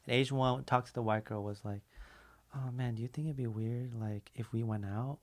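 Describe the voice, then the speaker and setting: Gravelly dude on a podcast, swears a lot, jokey stories. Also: male voice, medium pitch, fairly even intonation, a little fast. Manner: crude, joking storyteller. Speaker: podcast guest. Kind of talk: casual chat.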